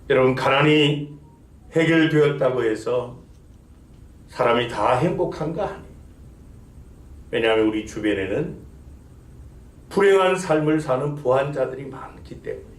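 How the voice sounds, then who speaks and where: A male pastor preaching a sermon, building emphasis and asking the congregation rhetorical questions. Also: mid-range voice. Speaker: senior pastor. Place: church sanctuary. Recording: echoey church sanctuary.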